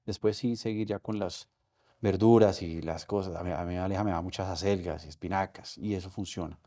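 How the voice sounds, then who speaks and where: A middle-aged Colombian man speaking as an interview guest, his voice low and mellow. He talks in a halting, emotional way, stopping and restarting often as he recounts things in a candid sit-down conversation. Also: steady tone. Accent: Colombian Spanish.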